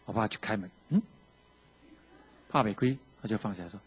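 A man with a Taiwanese Mandarin accent giving a sermon testimony, telling his story with animation and acting out the quotes, shifting between hushed and loud. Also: fairly low pitch, a little fast, slightly rough. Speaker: preacher sharing his testimony.

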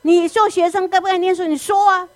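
A woman voicing a furious middle-aged mother who scolds her child in shrill, rapid-fire questions. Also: lively intonation, darkish tone, no echo. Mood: scolding.

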